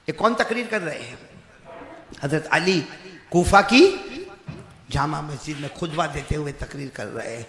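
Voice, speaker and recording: A man preaching a fiery sermon to a congregation. He swings between soft asides and shouted exhortation, and quizzes his listeners. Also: a little high, animated, long pauses. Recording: echoey hall with long reverb.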